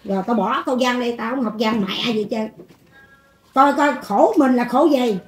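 A woman's voice: fairly high pitch, normal speed, roomy sound. An older woman with a Southern Vietnamese accent, giving a coarse, blunt, scolding monologue about faith to a group of listeners. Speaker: folk religious teacher.

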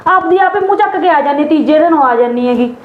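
A woman's voice: high-pitched, lively intonation, fast. A woman playing a nagging, taunting sister-in-law. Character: sharp-tongued, stingy sister-in-law. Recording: echoey room, dull sound, faint hiss.

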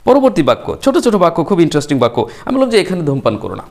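A man teaching spoken English, explaining each sentence and repeating the English phrases slowly, sometimes spelling words out letter by letter. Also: fairly high pitch, huge pitch swings, creaky, a little mellow.

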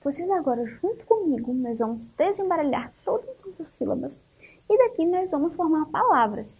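A woman teaching an online lesson for young children with a Brazilian Portuguese accent, slow and encouraging, asking questions and answering them herself. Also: high voice, sing-song, darkish tone. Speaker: primary school teacher.

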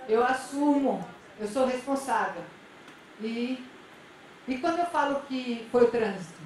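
A woman's voice: a little high, lively intonation, a little slow, a little mellow. A woman giving an interactive conference talk, speaking conversationally and often checking in with her audience. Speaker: lecturer at a public-sector conference. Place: large convention center auditorium. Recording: echoey hall, voice from a distance.

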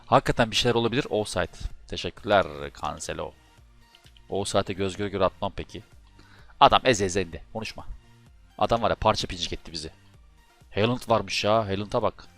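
A man doing live commentary over his own football video game match, often exasperated and shouting at his players and his keyboard. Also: on the low side, fairly quick, creaky, soft background music. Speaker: gaming YouTuber.

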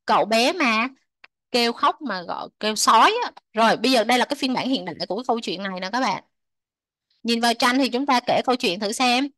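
A woman teaching English to children, repeating words slowly, translating them and chatting with soft sentence endings. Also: fairly high pitch, expressive, dry recording. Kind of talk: explaining a textbook lesson to children.

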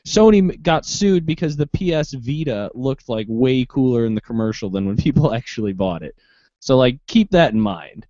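A man's voice: medium pitch, expressive, normal speed, warm tone, dry recording. A man hosting a casual podcast, talking loosely with jokes and swearing. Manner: loose, profane, jokey. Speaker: host. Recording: dry, dull lo-fi sound.

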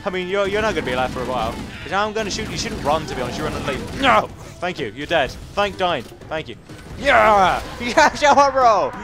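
A young man commentating his own video game playthrough, chattering and repeating words in bursts. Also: fairly high pitch. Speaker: gaming channel host. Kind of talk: excitable let's-play commentary. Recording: game music underneath.

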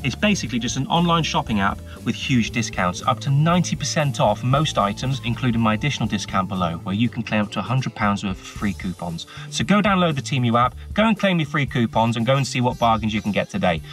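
Talking fast with barely a pause, this Englishman in his thirties sounds very animated, his medium-pitched voice fairly bright. Parked in his camper van, he's a van life vlogger giving a chatty, cheeky, upbeat vlog to a mounted action camera while music runs beneath.

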